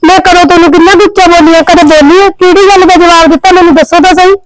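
A woman's voice: very high-pitched, fairly even intonation, fast talker, poor audio. A woman playing a sulky young daughter-in-law who pleads and complains in a family skit. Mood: pleading. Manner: whiny, pleading. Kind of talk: scripted domestic skit acting.

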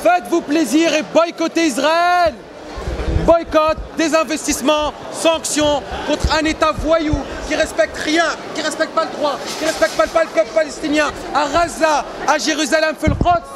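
A man campaigning loudly to passers-by, shouting and insistent, recorded in a busy indoor exhibition hall. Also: extremely high pitch, fairly even intonation, moderate pace. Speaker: activist haranguing passers-by. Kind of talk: street campaigning speech. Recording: crowd and noise behind.

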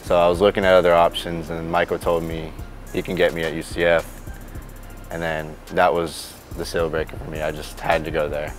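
A man's voice: low voice, monotone, brisk. A young man from Florida, a college football player, talking plainly and a bit rambling in a sports interview. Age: young adult. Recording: background music under voice.

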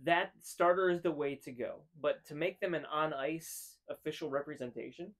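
A man in his thirties, his voice sitting slightly high, co-hosts a relaxed chat from a room full of hanging jerseys. He argues his points emphatically and leans on repetition to drive them home. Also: normal speed. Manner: opinionated, emphatic, repeats phrases for effect. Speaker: co-host. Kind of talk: casual podcast chat.

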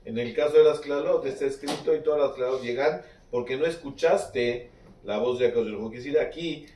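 A man's voice: mid-range voice, brisk, warm tone. Male interpreter, fluent and explanatory, distant and roomy. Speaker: interpreter for the rabbi. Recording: echoey room, far from the mic.

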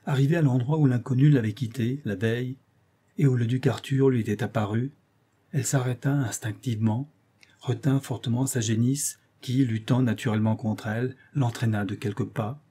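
A man reading a literary audiobook aloud with measured, expressive narration. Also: medium pitch, husky. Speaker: audiobook reader.

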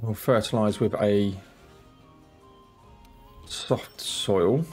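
Stuffed up from a cold, a man hosting a relaxed let's-play for his gaming channel draws out his words in a fairly low, darkish voice. He mutters and pokes fun at himself into a desk mic kept off camera, while faint music plays in the background.

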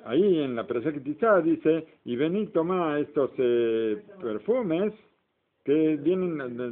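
Hombre enseñando Torá, sonido telefónico. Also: male voice, on the high side. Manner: explanatory, asks the class questions. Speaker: Torah teacher. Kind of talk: informal Torah class. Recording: tinny phone-like recording.

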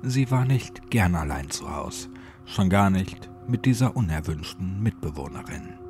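A man narrating a scripted horror story with lively, expressive delivery. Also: deep voice, a little slow. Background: music.

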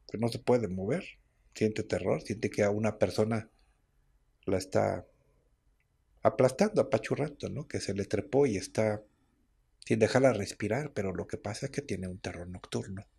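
A man's voice: fairly low pitch, vocal fry, warm tone, breathy edge. A man, a radio host explaining herbal medicine in a chatty way and often asking his listeners for agreement. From Mexico. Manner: chatty, explaining, with frequent tag questions. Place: radio studio.

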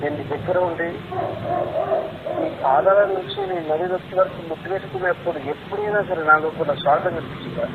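A young man speaks in a high voice over a phone line, squeezed thin and hissing with line noise. He accuses and threatens, swinging between shouting and low pleading. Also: fast talker. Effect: heard over a phone line. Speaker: caller. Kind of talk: heated private phone argument. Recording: narrow, noisy phone-call audio.

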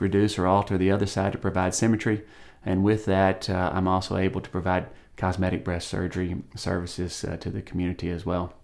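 A man, a surgeon talking in a measured way to camera in a studio, with frequent ums and uhs. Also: low voice. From Tennessee, USA. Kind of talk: on-camera promotional interview. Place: studio with plain grey backdrop.

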